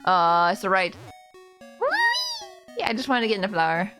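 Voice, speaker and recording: A woman's voice: lowish voice, fast, sharp tone, soft background music. A woman giving casual, joking commentary as she plays a video game, slipping between exclamations and muttering. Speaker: gamer playing a game for the first time. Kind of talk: casual playful gaming commentary.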